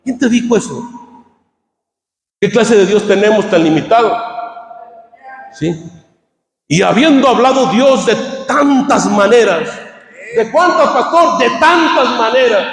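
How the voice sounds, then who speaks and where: A man preaching a fervent sermon as pastor, swinging between shouted climaxes and quiet asides. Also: high voice, lively intonation, unhurried, creaky, long pauses. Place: church hall. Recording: echoey church hall.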